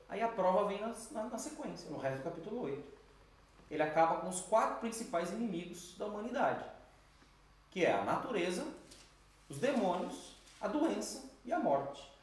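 A man preaching a sermon, telling stories in an animated way and acting out the voices he quotes. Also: high voice, very echoey, far from the mic.

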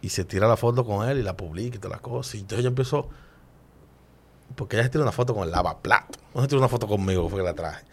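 A man, a chef guest in an interview, telling stories in an animated and emotional way with frequent restarts. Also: lowish voice, very fast, slightly rough. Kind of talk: casual interview storytelling.

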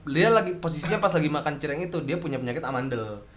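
A young man talking in casual chat among friends, slangy and swearing often, breaking into loud laughs. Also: on the high side, lively intonation, fast, crowd noise.

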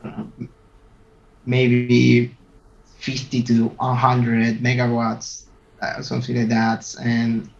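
A man, a podcast guest talking casually with halting fillers and restarts. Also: medium pitch, monotone, creaky. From Venezuela. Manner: halting, many fillers and restarts, laughs often. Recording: roomy, dull lo-fi sound.

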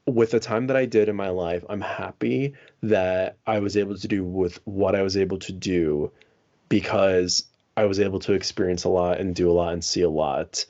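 Reflective man with a low voice. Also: fairly even intonation, moderate pace, a little mellow, muffled recording. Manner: reflective, thinks aloud with fillers. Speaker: podcast co-host. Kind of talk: casual movie discussion.

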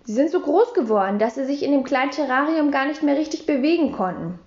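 Woman playing a bossy forgetful schoolgirl, storybook, matter-of-fact, high voice, roomy. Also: expressive, fast, a little mellow, muffled recording.

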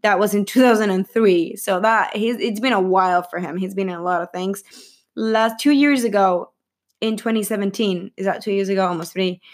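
At a moderate pace and medium pitch, a young woman rambles casually about a movie's cast for her film vlog. Giggles, filler words, and frequent self-corrections run through her talk.

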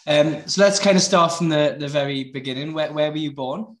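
A man's voice: on the high side, a little fast, roomy sound. A man interviewing casually, with hesitant questions full of "kind of". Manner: hesitant, many "kind of" fillers.

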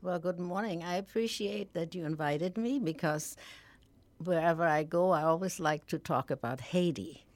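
A middle-aged woman from Germany with a German accent, a guest in a radio studio, answering thoughtfully with pauses and fillers. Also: fairly low pitch, dry recording. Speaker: guest, nonprofit founder. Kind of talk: radio interview.

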